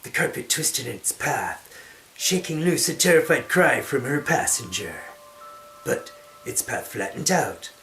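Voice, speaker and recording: A man's voice: medium pitch, expressive, a little slow, fairly bright tone, poor audio. A man narrating a fantasy novel as a dramatic reading, with hammy, theatrical stage delivery. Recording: music behind the voice.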